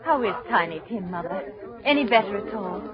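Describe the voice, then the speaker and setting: An actress playing a gentle, earnest working daughter in 1930s radio style. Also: female voice, medium pitch, lively intonation, brisk, close to an everyday voice. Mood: concerned. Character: gentle dutiful working daughter, Martha, soothing her mother. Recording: muffled 1930s radio, crowd clamour behind.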